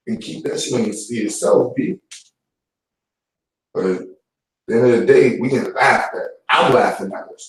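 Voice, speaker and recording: A man's voice: medium pitch, darkish tone. A man giving a casual, blunt vlog rant full of street slang, repeating his points. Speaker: YouTube commentator. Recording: echoey room, voice far from mic.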